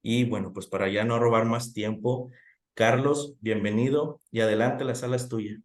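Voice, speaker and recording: Guy hosting a talk, mid-pitch voice, runs through the housekeeping then reads the speaker intro, kinda echoey room sound. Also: steady tone, normal speed. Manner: friendly, scripted announcements. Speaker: moderator. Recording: roomy echo.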